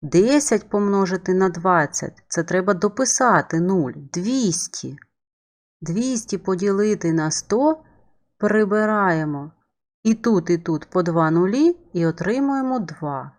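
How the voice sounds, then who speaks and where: A woman's voice: fairly low pitch, lively intonation, unhurried. A woman math teacher giving a remote lesson voice-over, explaining each step patiently to young pupils.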